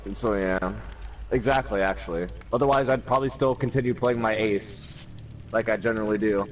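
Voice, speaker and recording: A man's voice: fairly low pitch, fairly quick, recorded from a distance, rough recording. A man chatting casually while streaming a game, joking around, laughing often and swearing freely. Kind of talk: casual gaming chat. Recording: voice a bit off-mic with faint room noise.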